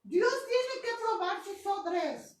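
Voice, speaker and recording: A woman's voice: very high-pitched, sing-song, slow. A woman pastor preaching a sermon, repeating phrases with emphasis, checking in with the congregation and sometimes drawing words out in a sung cadence. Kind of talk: sermon with personal testimony. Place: church sanctuary. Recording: echoey church hall, mic far off.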